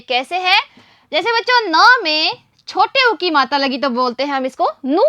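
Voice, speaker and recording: A woman teacher giving a slow, patient lesson to small children, asking questions and then answering them herself. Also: very high-pitched, bright, forceful tone, no echo, clean studio sound. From India. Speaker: primary school teacher.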